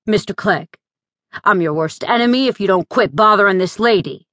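A woman narrator voicing a stern frontier man who gives brisk, clipped orders. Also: medium pitch, animated, fairly bright tone, no echo, studio quality, natural voice. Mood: commanding. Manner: clipped, commanding.

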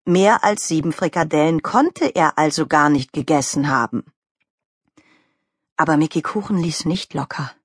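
A woman reading a children's story as the narrator, with lively, expressive storytelling on a close studio mic. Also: sits low, moderate pace, slightly rough, no echo. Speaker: audiobook narrator.

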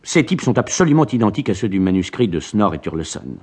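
A man voicing an excitable, irascible old male professor in an audiobook, scolding and impetuous. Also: lowish voice, fast, husky. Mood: excited. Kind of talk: dramatized audiobook reading.

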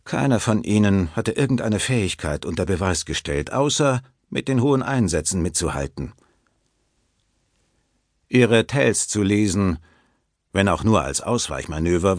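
Deep-voiced male audiobook narrator. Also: lively intonation, moderate pace, no echo, clean studio sound. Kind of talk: scripted narration.

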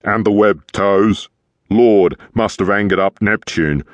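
A man voicing a fat, one-eared, walrus-like ship captain who talks in gruff, clipped, booming bursts. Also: slow pace, no room sound.

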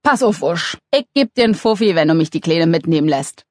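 A woman's voice: low-pitched, expressive, a little fast, dry recording, clean studio sound. A woman voicing a smitten, pushy man who keeps pleading with a stranger. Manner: wheedling, persuasive. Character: pushy middle-aged male john, smitten.

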